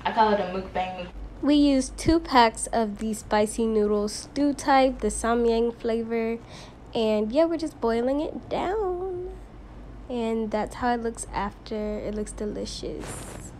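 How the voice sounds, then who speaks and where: A woman appearing as a guest on a casual vlog, relaxed and quick to laugh, stating her opinions plainly. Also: a little high. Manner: relaxed, laughs easily, speaks her mind. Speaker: guest co-host. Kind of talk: casual chat. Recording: roomy with loud background noise.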